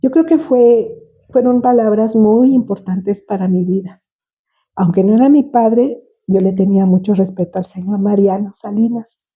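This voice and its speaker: An older woman with a Mexican accent, a retired special education teacher telling her life story in an interview, reminiscing warmly with frequent laughter. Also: mid-range voice, moderate pace, muffled recording. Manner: warm reminiscing, laughs often.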